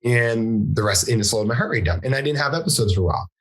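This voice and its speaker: Husky-voiced man telling a story. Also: mid-range voice, quick pace, low-quality recording. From Southwest Washington, USA. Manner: animated storyteller acting out quoted dialogue, frequent restarts. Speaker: podcast guest. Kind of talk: casual storytelling interview.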